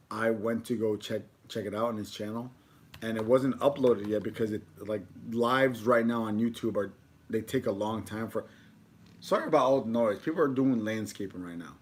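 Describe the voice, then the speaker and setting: A man's voice: lowish voice, slight background noise. A man chatting informally on a food livestream, rambling along with casual slang. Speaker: food video creator.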